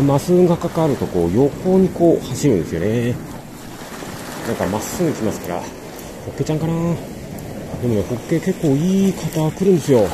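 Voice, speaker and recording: A man fishing from a rocky seashore, explaining his catch and lure technique to viewers in a casual running commentary, recorded on a body-worn camera. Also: mid-range voice. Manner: chatty, explains technique to viewers while reeling. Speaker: fishing vlogger. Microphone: body-mounted action camera. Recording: windy seaside with wave noise. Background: wind and crashing waves.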